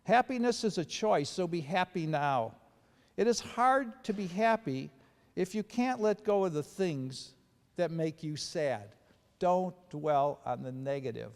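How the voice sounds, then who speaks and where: A man's voice: fairly high pitch, expressive, a little slow, a little mellow. A middle-aged man giving a motivational ceremony speech as a faculty speaker welcoming new students. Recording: reverberant hall.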